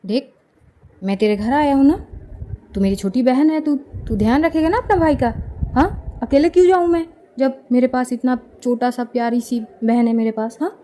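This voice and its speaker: A woman's voice: high-pitched, normal speed, warm tone, a little hiss or hum, lightly acted. A woman voicing a playful, mischievous older male cousin who teases his sister. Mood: teasing. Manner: teasing, cheeky.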